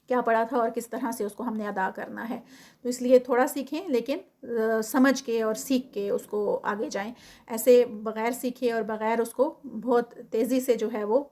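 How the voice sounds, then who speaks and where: A recitation teacher with a Pakistani Urdu accent and a slightly high voice. She chants each word slowly and stretches the vowels, then drops into quick, quiet explanation. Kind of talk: tajweed lesson, explaining and reciting.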